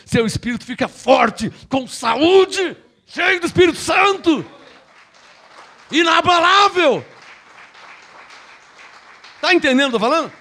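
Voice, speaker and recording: Man, pastor preaching, very high voice, acts out bible scenes. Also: bright, forceful tone. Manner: preaching with acted-out Bible dialogue. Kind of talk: sermon.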